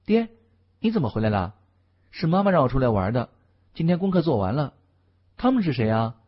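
A man voicing a spoiled, bold teenage girl who answers back in quick, pert, high-pitched retorts. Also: big pitch swings, husky, dull audio. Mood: cheerful.

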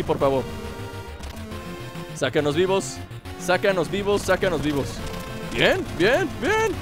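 Young male let's-player; high voice, playful slangy commentary over faint game music. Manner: playful, mock-dramatic, slangy asides. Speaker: gameplay commentator. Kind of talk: joking let's-play commentary.

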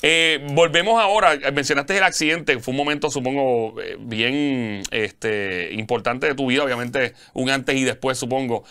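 Bright-voiced man hosting an interview. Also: medium pitch, moderate pace, few pauses, clear, resonant tone. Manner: reacting with short exclamations. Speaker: host. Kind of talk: casual interview.

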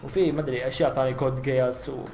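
A 19-year-old male gaming YouTuber from Saudi Arabia, with a Saudi Arabic accent and a mid-range, level-toned voice, gives casual gameplay commentary with Q&A. He talks rapidly and chattily, breaking into loud exclamations during fights. He's visible on facecam in a small, roomy-sounding room at home, and the audio has a little hiss or hum.

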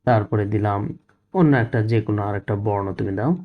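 A man's voice: fairly low pitch, quick pace, narrow, tinny audio. A man teaching a first-grade reading lesson, patiently asking questions and answering them himself.

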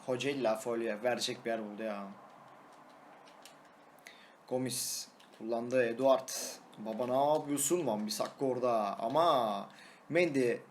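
A young man, a gaming YouTuber, giving excitable live commentary on his own match, shouting and singing at goals and teasing his opponent. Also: medium pitch, measured pace, a little hiss or hum.

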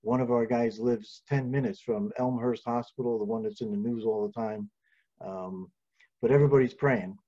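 A man's voice: medium pitch, steady tone, moderate pace, dull audio. A man in his sixties giving rambling, encouraging remarks on a video call. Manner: warm, rambling, repeats words. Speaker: ministry leader. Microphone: video call with earbuds.

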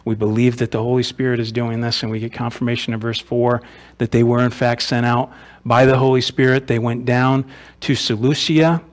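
Guy pastor giving a sunday sermon, chatty and casual, keeps asking the room questions, medium voice. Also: medium pitch. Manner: conversational, asks rhetorical questions, repeats words. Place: church sanctuary.

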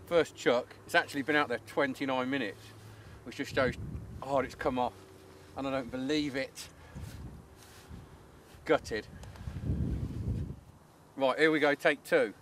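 A man in his thirties, an angling coach, explaining his rig and bait step by step in a relaxed, practical way, recorded outdoors by a lake. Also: medium pitch, a little hiss or hum. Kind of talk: instructional fishing talk. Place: outdoors at a lakeside fishery.

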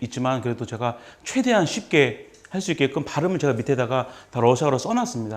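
Male lecturer, mid-pitched, chatty and joking, drills phrases with a live class. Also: a little mellow. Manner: chatty, joking, repeats phrases for students to follow. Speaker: lecturer teaching basic Russian. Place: seminar room with a live audience.

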